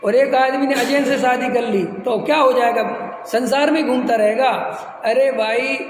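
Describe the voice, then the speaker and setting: A man giving a spiritual discourse, mocking and teasing with rhetorical questions and quick imitations. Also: very high voice, fairly even intonation. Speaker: Jain spiritual teacher. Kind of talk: discourse lecture. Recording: echoey hall, faint noise.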